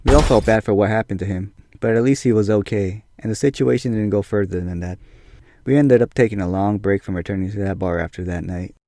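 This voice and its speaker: A man's voice: on the low side, brisk, dark tone. A man narrating a scripted personal story as a video storyteller.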